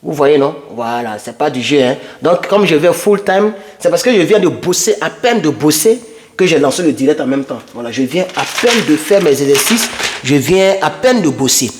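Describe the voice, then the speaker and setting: A man with a fairly high voice talks straight to his viewers from his home computer, rambling loosely through immigration news. He drifts between English and French as he goes, casual and unscripted. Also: lively intonation, normal speed, noisy background. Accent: non-native English, French-speaking. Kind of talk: casual informal vlog. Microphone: computer microphone.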